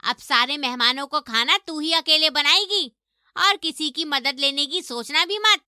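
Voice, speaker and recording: A shrill, bossy cartoon mother-in-law, played by a woman, sneering and domineering. Her voice sits high and rings very bright and sharp. It sounds dry and close, with no room around it. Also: unhurried, dry recording, heavily acted. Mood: scolding. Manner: taunting, domineering. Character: harsh scolding middle-aged mother-in-law. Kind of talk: animated story voice acting.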